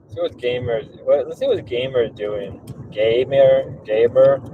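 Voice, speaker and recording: A man's voice: mid-range voice, a little slow, phone-quality sound, slight background noise. A man giving casual, profane running commentary in an exasperated way.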